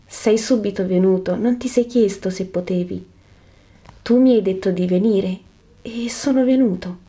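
A calm male teacher speaks softly and patiently, slow and tender, voiced by a woman narrator. The tone is mellow and low-key, as if reading from a devotional book. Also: close to an everyday voice. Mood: gentle, solemn. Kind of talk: scripted reading of a religious narrative.

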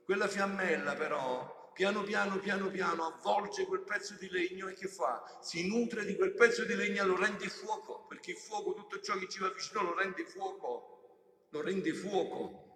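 A man, a friar preaching a homily, who swings between loud exhortation and hushed explanation and puts questions straight to the congregation. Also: high-pitched, normal speed. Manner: addresses the congregation directly with questions. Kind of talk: sermon. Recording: echoey church with long reverb.

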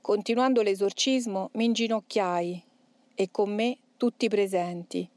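A woman reads a first-person account aloud in a measured, solemn voice. Her pitch sits in a middle range. The recording is dry, with no room sound. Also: steady tone, darkish tone, no room sound. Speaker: narrator. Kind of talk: first-person read narration.

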